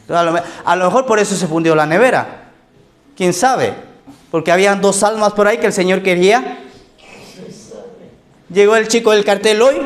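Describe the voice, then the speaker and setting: A male pastor, preaching in a conversational sermon style and often checking in with "¿ok?". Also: high-pitched.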